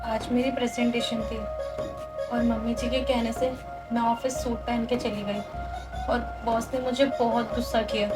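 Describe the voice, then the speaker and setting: A woman's voice: sits high, steady tone, normal speed, over loud music, close to an everyday voice. Woman playing a pleading young daughter-in-law. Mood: downcast. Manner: pleading, polite.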